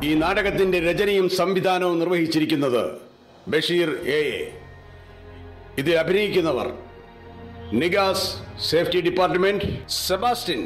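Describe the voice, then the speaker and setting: A man formally announcing a staff skit and its cast, courteous and measured. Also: high-pitched, faint music behind. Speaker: program announcer.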